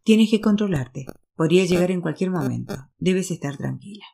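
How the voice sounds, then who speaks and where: A woman's voice: on the low side, lively intonation, normal speed, creaky, warm tone. A woman reading a novel aloud, voicing an insistent, bossy sister who turns firm and soothing by turns. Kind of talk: audiobook reading.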